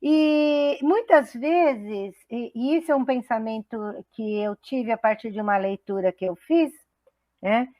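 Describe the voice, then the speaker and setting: A middle-aged woman from Brazil's São Paulo state hosts a web radio talk show with a fairly high-pitched, mellow voice at a slightly slow pace. Enthusiastic and chatty, she laughs readily and frequently restarts her sentences, recorded dry.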